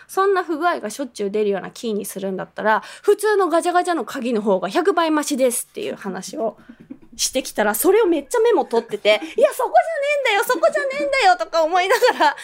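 Brief: woman in her thirties, chatty host monologue, lively storyteller who laughs a lot and mimics others, a bit high. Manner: lively, laughs often, acts out quoted people.

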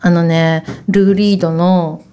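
A woman's voice: fairly low pitch, flat delivery, unhurried, mellow, smooth. Chatty rambling woman hosting a radio corner. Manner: chatty, rambling, calls herself by her own nickname; asks the co-host for confirmation. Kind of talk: casual radio chat.

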